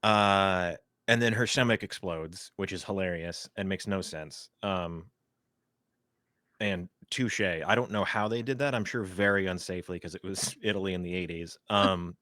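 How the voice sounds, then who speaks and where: Low-voiced man rambling about films. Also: moderate pace, pushed and bright, dry recording, studio quality. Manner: rambling, many fillers and asides. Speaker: podcast co-host. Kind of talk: casual film discussion.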